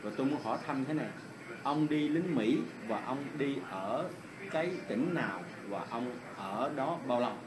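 A middle-aged Vietnamese man conducts a casual, polite interview in an indoor swimming pool hall, often repeating answers back. His medium-pitched voice is animated at a normal speed. He's recorded on a phone held at arm's length, amid the noise of the pool.

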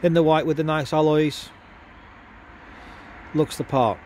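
A man's voice: on the high side, steady tone, measured pace, darkish tone. A man with a cold giving a casual, chatty walkaround sales presentation of a used car. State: congested with a cold. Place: outdoors at a car lot, walking around a car. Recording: outdoor handheld video with clear background noise.

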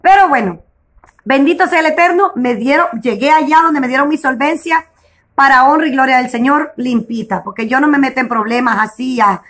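A woman's voice: sits high, a little fast, a bit bright. A young woman with a Honduran accent, chatting outdoors as a vlogger, retelling her day in a casual storytelling way with frequent religious exclamations. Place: outdoors in a breeze.

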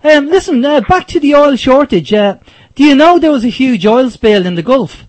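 A male late night call-in radio host. His voice sits remarkably high for a man, and he talks hesitantly, with an unscripted phone-in feel as he handles the caller. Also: animated, moderate pace, a little hiss or hum. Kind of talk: unscripted-sounding phone-in hosting.

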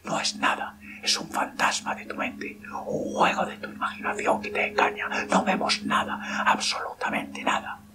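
A man's voice: moderate pace, lightly acted. A man voicing a mother who urgently pleads with her frightened daughter, all in a whisper.

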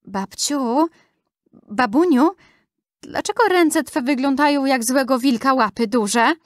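Storybook role: bright little girl with a chirpy, sing-song lilt, raised-up voice, read by a woman, unhurried. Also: high voice, no echo, clean studio sound, voice pushed up. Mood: timid.

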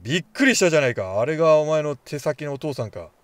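A man's voice: on the high side, animated, fast talker, no room sound. A man giving casual, jokey commentary while playing a horror game, chatting to himself as he goes. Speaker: game streamer.

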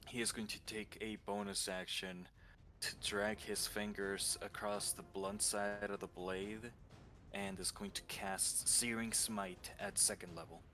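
A man playing a tabletop game, excitable and laughing often. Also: on the low side. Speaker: player. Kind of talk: casual tabletop play.

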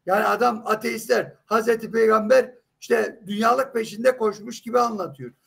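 Very high-pitched, gravelly, husky man arguing. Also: fairly bright tone. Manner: insistent, emphatic, rhetorical questions. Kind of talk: heated live religious debate.

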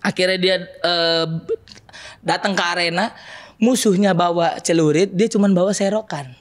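Animated young comedian. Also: male voice, high-pitched, moderate pace. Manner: animated storytelling with shouted punchlines. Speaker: comedian guest. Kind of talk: stand-up comedy bit. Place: podcast studio.

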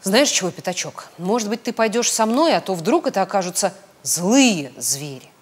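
A woman voicing a small, thoughtful male teddy bear in a storybook, speaking slowly and mysteriously. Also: medium pitch, sing-song, husky. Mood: puzzled, pondering. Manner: slow, musing, mysterious.

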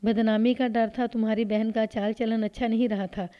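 A woman's voice: a little high, flat delivery, natural voice. A woman voicing a stern male police officer who presses a suspect with accusing questions, in a read-aloud story. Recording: dull lo-fi recording.

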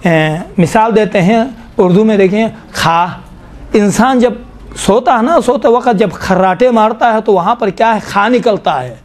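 Male teacher with a high voice leading a class in Quran recitation rules, patient and questioning. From Pakistan. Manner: explains slowly, asks the class questions, draws out sounds. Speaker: tajweed teacher.

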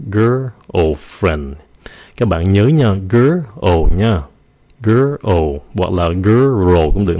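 Deep-voiced man teaching English vocabulary. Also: warm tone. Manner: slow, drawn-out demonstration of English pronunciation; mixes English words into Vietnamese explanations. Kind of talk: vocabulary lesson.

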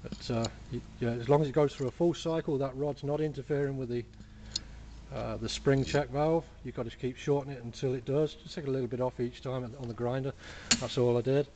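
A hobby engineer explains a workshop build in a relaxed, plain-spoken way, his talk full of "uh" and "basically." His mid-range voice moves fairly quickly, captured up close on a camera mic at a cluttered bench with a noisy background.

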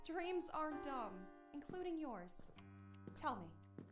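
A high, gentle female voice belongs to a kind young woman in a horror game , voiced by an actress. She coaxes and reassures her friend warmly, with faint music behind her. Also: very animated, takes it slowly, full character voice. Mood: gentle coaxing.

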